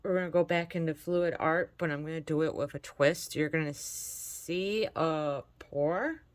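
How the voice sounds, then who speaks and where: A crafting channel host from Michigan chats casually through a tutorial, encouraging viewers as she works. Her low voice is unhurried and congested from allergies. There's no room sound.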